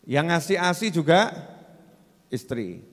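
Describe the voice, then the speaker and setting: A man's voice: a little high, very animated, takes it slowly. A male preacher, giving a sermon and quizzing his audience in call-and-response. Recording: long hall reverb.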